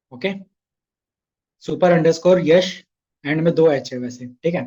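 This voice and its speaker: High-voiced young man coaching sales. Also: darkish tone, lo-fi sound. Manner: chatty, coaxing, asks the audience questions. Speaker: sales trainer. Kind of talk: casual online training session.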